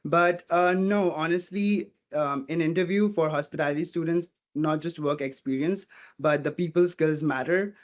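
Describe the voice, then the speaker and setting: A hospitality student from India whose mother tongue is Portuguese speaks earnestly as a guest in a casual interview, thinking aloud and saying "you know" often. His voice sits on the high side, his pace is moderate, and the sound is lo-fi.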